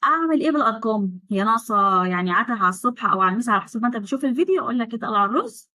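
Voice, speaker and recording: An Egyptian woman teaching a German lesson, chatty with sarcastic asides, repeating words slowly to drill pronunciation. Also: fairly high pitch, lively intonation, pushed and bright, no echo, low-quality recording. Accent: Egyptian Arabic. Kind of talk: online language lesson.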